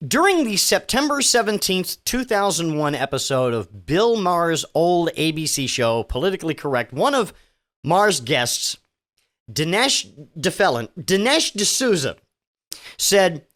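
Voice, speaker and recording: A man's voice: on the high side, sing-song, a little slow, a bit bright. A man hosting a podcast, giving sardonic, profane commentary on news items with frequent stumbles and restarts. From Virginia. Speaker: podcast host. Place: home studio.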